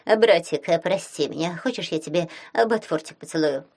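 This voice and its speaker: A woman voicing a squeaky, cowardly male werewolf who wheedles and boasts. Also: normal speed, darkish tone. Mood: grovelling.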